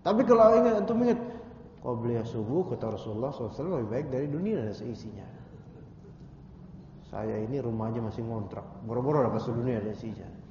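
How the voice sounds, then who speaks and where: A man teaching an Islamic study lecture, animated and joking, with frequent rhetorical asides to his listeners. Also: medium pitch, quick pace. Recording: echoey hall, dull lo-fi, faint noise.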